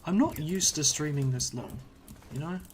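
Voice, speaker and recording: A man whose voice is on the high side sounds animated at normal speed while streaming a video game from a home computer room, with slight background noise. His casual rambling is hesitant and loaded with fillers, sentences trailing off, and his voice is slightly strained from talking so long.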